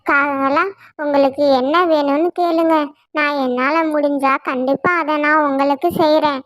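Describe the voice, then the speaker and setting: A woman's voice: high-pitched, steady tone, moderate pace, a bit bright, no echo, studio quality. A woman voicing a worried mother cloud in a cartoon, asking for her lost child in an anxious, imploring way.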